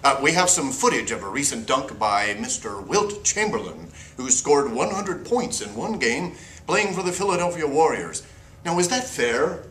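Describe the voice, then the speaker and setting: A man's voice: medium pitch, sing-song, moderate pace, fairly bright tone. A man playing a prim, square 1960s TV news co-anchor, earnest and sanctimonious, in a parody newscast. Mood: solemn conviction. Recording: echoey room.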